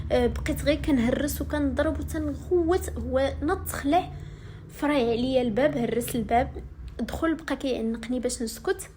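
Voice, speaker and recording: A young woman with a Moroccan accent tells viewers her own story. She speaks quickly, in a rather high voice, recounting everything in an aggrieved first-person way. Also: dark tone, a little hiss or hum. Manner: rapid, aggrieved first-person retelling with acted quotes.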